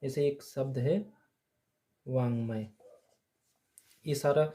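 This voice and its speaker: A man teaching grammar in a steady lesson, asking the class questions and answering them himself, repeating the key points. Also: mid-range voice, takes it slowly. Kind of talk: slow blackboard lesson.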